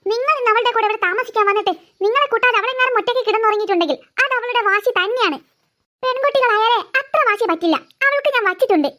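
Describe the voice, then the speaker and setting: A woman's voice: very high-pitched, fast, bright, forceful tone. A woman voicing a stern, sarcastic middle-aged mother in a cartoon, scolding her daughter. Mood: annoyed. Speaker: cartoon voice actor. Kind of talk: cartoon dialogue acting.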